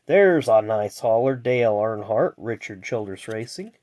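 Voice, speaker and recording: A man's voice: on the low side, animated, unhurried, a little mellow. Nasal, congested man, casual rambling commentary. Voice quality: nasal, congested, blocked nose. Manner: chatty, reels off names then adds asides. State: stuffed-up sinuses. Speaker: host of a racing trading card pack-opening video.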